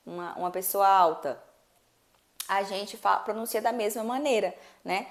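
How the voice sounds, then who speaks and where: A Brazilian woman with a Brazilian accent, an English teacher giving a chatty online pronunciation lesson that switches between English and Portuguese, drawing out example words slowly and repeating them. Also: medium pitch.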